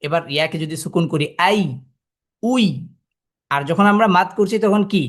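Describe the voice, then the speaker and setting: A man's voice: fairly high pitch, fast talker. Man teaching Quran reading. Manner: explains step by step, asking the listeners rhetorical questions; sounds out letters and syllables to demonstrate. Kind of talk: classroom lesson.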